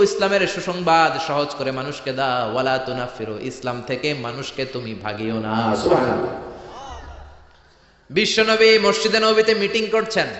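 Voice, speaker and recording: A man preaching a sermon with a Bangladeshi Bengali accent, rousing the crowd and swinging between loud calls and soft asides. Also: a little high. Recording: echoey hall, dull sound.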